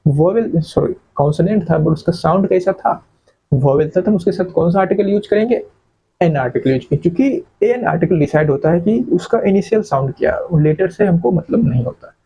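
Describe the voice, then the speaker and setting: A man lectures on English grammar in a slightly husky voice, a touch higher than most men's. He asks rhetorical questions and answers them himself, repeating key terms as he goes. The recording sounds dull and lo-fi. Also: expressive, brisk. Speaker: English teacher.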